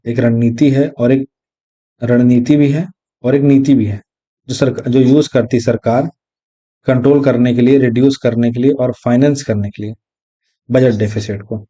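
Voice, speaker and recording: A man teaching an exam lesson, explaining step by step and repeating key terms, reading definitions slowly. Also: mid-range voice, fairly even intonation, dark tone. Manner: reads English definitions slowly. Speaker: exam tutor. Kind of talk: recorded lecture. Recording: dull lo-fi audio.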